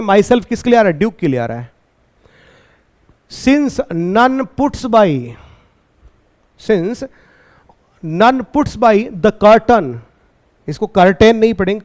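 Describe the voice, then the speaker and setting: High-voiced, slow-talking male teacher. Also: darkish tone. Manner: reads English lines slowly, then explains with rhetorical questions. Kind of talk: line-by-line poem explanation lesson.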